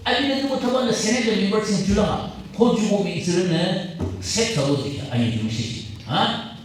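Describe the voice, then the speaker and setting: Male pastor, pulpit mic over church speakers, lively swooping delivery heard from a distance. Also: high voice, a little hiss or hum. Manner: animated preaching, mixing English terms into the local language. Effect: preaching over a pulpit microphone through the church loudspeakers. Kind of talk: sermon. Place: church sanctuary. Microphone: pulpit microphone. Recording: very echoey church hall, voice from a distance.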